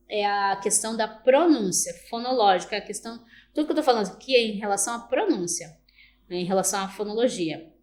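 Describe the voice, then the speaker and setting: A woman lecturing online, explaining step by step, checking in with "tá?" and sounding out example words slowly. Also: fairly high pitch. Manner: explanatory, with frequent restarts and checking "tá?". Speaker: university lecturer.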